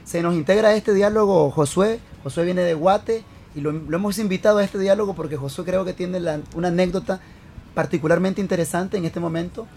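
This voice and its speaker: A man hosts a talk program in a slightly high voice, introducing a guest and pressing him with follow-up questions. He speaks conversationally. Faint background noise sits behind him. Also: brisk, creaky, a little mellow. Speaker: host. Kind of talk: radio talk show hosting.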